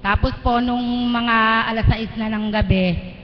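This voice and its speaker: A woman's voice: a little high, fairly even intonation, a little slow. A middle-aged woman giving a live spoken testimony before a church gathering, earnest and deferential as she retells events step by step. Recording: dull lo-fi livestream audio in a reverberant hall, faint noise.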